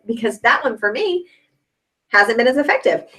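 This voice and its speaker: A woman's voice: a little high, lively intonation, normal speed, sharp tone, slight background noise, low-quality recording. A young woman coaching a sales team in a chatty, upbeat way, often checking in with "okay?". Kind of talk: sales training talk.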